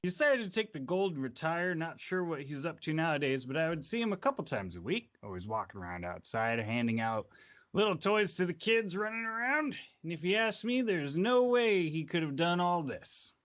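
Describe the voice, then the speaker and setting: A man's voice: a little high, big pitch swings, fairly quick, a bit bright, pitched above the performer's own voice. A man playing a boozy, cheerful retired male innkeeper who rambles on in a tabletop game. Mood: fond. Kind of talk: tabletop role-play.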